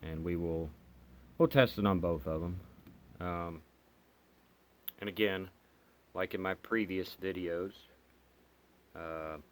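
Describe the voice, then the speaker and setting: A man with a deep voice and fairly even intonation takes his time, leaving long pauses, as he reviews radios in a casual hobbyist video. His unscripted demonstration is hesitant and rambling, recorded with clear background noise.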